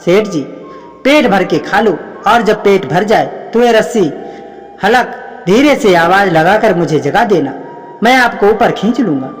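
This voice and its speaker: A man voicing a clever, calm village man in a storybook tale, speaking in a coaxing, mock-polite way. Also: high-pitched, measured pace. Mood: reassuring. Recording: long reverb, faint background music.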